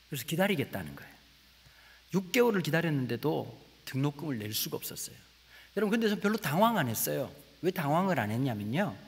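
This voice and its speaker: A man with a Gyeongsang accent preaches a testimony, his voice rising into loud, high bursts and then dropping to hushed asides. His tone is a little husky and sits somewhat high for a man. The church sanctuary gives a long, hanging reverb. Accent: Gyeongsang Korean. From Gyeongsang region, Korea. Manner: animated storytelling, swings between loud exclamations and hushed asides. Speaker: guest preacher. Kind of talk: sermon with personal testimony.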